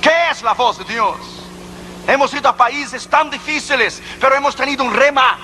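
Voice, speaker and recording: A man's voice: very high-pitched, normal speed, sharp tone, slight background noise. A man preaching a sermon as an evangelist, driving his points home with repeated rhetorical questions.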